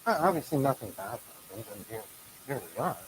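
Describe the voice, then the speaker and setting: Male interviewer, mid-low everyday pitch, conversational, muffled sound on a noisy, hissy recording. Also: very animated, fast. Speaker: show host interviewing a guest. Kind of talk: casual interview chat. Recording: muffled audio with clear hiss and noise.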